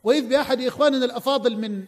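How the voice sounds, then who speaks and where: A male preacher delivers an impassioned sermon in a very high voice. He tells his story with fervent oaths. His words ring out in a long reverb. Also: very fast.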